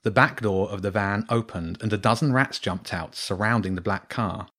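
A man narrating a children's storybook in a steady, clear reading voice. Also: fairly low pitch, normal speed.

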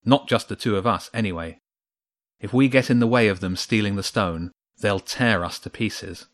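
A man's voice: lowish voice, normal speed, dry recording, lightly acted. A man voicing an anxious, grim schoolboy in a children's story.

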